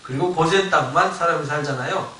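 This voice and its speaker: A male pastor giving a Bible lecture sermon, animated, acting out the voices of biblical figures and asking the congregation questions. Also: on the high side, fairly quick, slight background noise. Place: church sanctuary. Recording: echoey church hall, mic at a distance.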